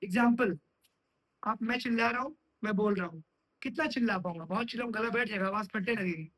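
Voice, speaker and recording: A man's voice: high voice, quick pace, fairly bright tone, poor audio. A man teaching computer science in a classroom, often stopping to put check questions to his students. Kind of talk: classroom lecture.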